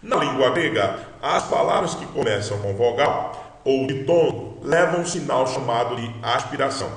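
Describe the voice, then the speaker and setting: A man teaching a recorded video lesson. He explains patiently, repeats words slowly and keeps checking in with his listeners. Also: mid-range voice. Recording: roomy echo.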